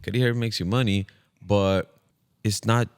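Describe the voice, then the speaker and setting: A man's voice: fairly low pitch, fairly even intonation, moderate pace, clean tone. A man in his thirties in casual podcast chat, giving earnest advice. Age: 30s. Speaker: podcast co-host.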